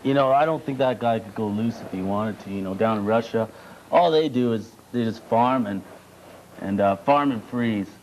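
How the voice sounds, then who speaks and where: A man's voice: fairly low pitch, moderate pace, darkish tone, slight background noise, close to an everyday voice, low-quality recording. A man playing a laid-back, stoned male surfer who drawls in slacker talk.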